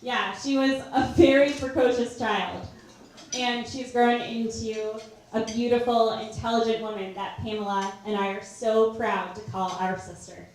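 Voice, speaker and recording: A young woman giving a prepared wedding toast as maid of honor, telling stories deliberately with pauses for comic effect. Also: on the high side, steady tone, a little mellow. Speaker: maid of honor, sister of the bride. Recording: very echoey room, far from mic, faint noise.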